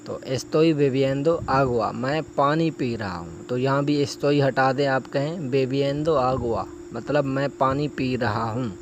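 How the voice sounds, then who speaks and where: A male teacher giving a spoken lesson, pausing to say each example phrase slowly and carefully. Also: medium pitch, background noise. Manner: slow, drawn-out modeling of example phrases. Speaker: language teacher.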